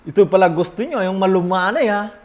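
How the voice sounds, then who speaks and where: A young man hosting a casual fan reaction video, chatty and excitable, laughing often and breaking into whoops between self-deprecating asides. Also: sits high, fairly quick, very noisy.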